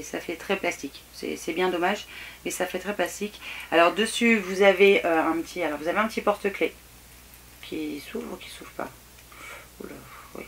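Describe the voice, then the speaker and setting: A woman's voice: medium pitch, creaky, fairly bright tone, a little hiss or hum. A woman chatting casually through an unboxing, frank and hesitant, with many fillers and restarts. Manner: frank, mildly critical. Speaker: vlogger.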